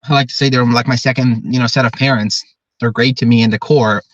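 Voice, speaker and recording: A man's voice: mid-range voice, fairly even intonation, fast talker, no echo, muffled recording. A man in his early twenties, a drum corps director, talking earnestly and at length in a podcast interview. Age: 20s. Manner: earnest, talkative, explains at length.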